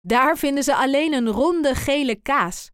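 A woman reading a children's picture book aloud in an expressive, deliberate way. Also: high-pitched, no room sound, studio quality. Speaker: storyteller.

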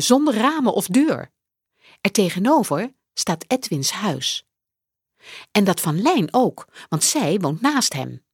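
A woman reading a children's book aloud, slow and clearly paced, her voice rising and falling a lot. Her tone is fairly low and a bit husky, recorded dry and close. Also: a little mellow, no echo. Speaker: audiobook narrator. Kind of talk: scripted narration of a children's book.

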